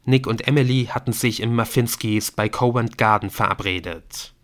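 A man narrating an audiobook in a measured, even storytelling manner. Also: medium pitch.

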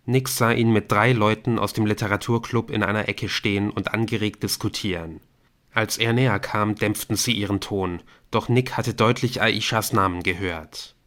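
A man reading a novel aloud as an audiobook narrator, in a steady, measured storytelling voice. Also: lowish voice. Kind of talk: scripted narration.

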